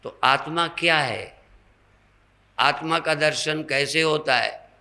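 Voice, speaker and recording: An older man, a swami, giving a slow spiritual sermon, teaching through rhetorical questions and everyday examples in a gravelly voice. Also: fairly high pitch, sharp tone.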